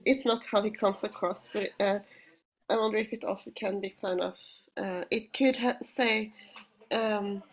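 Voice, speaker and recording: A woman co-host speaks hesitantly in a casual podcast chat, hunting for words. Her voice sits at a middle pitch. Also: steady tone, unhurried, low-quality recording.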